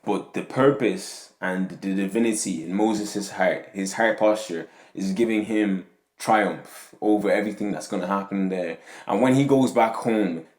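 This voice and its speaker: This is a young adult from Nigeria hosting a podcast, his deep voice a little slow and a little mellow as he rambles about faith and community. He punctuates lines with "yeah?" and "you know what I'm saying", and the room echoes.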